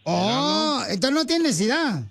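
A man hosting a radio show, loud and joking with lots of slang. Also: very high voice, very animated, measured pace. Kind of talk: lively Mexican-style radio banter. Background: music bed.

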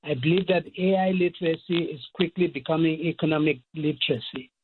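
A man's voice: fairly high pitch, background noise. Cameroonian man on a tinny phone line. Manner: measured, listing points. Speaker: guest expert. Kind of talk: phone-in interview.

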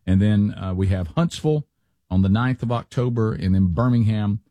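Older man, chatty host, mellow low voice, dry close sound. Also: normal speed, dry recording. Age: 60s. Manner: chatty, folksy, many fillers and restarts. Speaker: radio show host. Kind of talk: casual chat.

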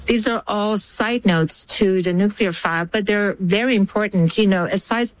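Smooth-voiced older woman from Iran. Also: mid-range voice, normal speed, rough recording. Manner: thoughtful, hesitant, restarts phrases. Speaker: guest analyst. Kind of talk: interview answers.

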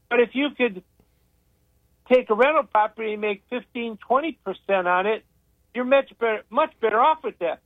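A man's voice: very high voice, no room sound. An older man on a radio talk show, rambling and opinionated as he tells stories in casual talk. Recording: tinny phone-line radio sound, dry.

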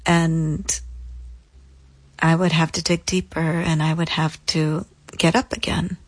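A woman, appearing as an interview guest, recounts her own story in a slightly low, husky voice with little pitch movement. She speaks reflectively and deliberately, using repetition for emphasis. The recording is close and dry, with no echo.

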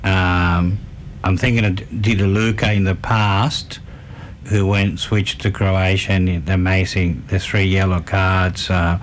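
A man's voice: sits low, flat delivery, unhurried, a little hiss or hum. A man, co-hosting a casual football chat and finishing his partner's sentences. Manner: chiming in, finishing the other's sentences.

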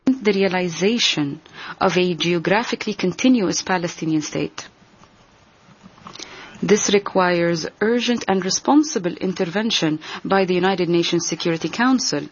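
Husky woman interpreter's translation voice-over. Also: lowish voice, dull audio. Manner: measured, formal, deliberate delivery. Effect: translation voice-over of a speech. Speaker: simultaneous interpreter. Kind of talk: formal speech interpretation.

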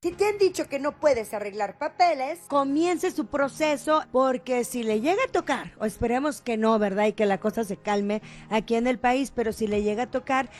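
A woman voices a radio commercial in a reassuring, persuasive tone. Her voice is fairly high, with faint music underneath. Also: moderate pace, hardly any pauses. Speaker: ad announcer.

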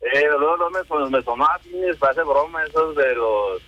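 A man's voice: on the high side, normal speed, dry recording, soft background music. A man from Guangdong with a Chinese accent, a restaurant worker on a phone call, talking hesitantly and fumbling for words. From China, Guangdong.

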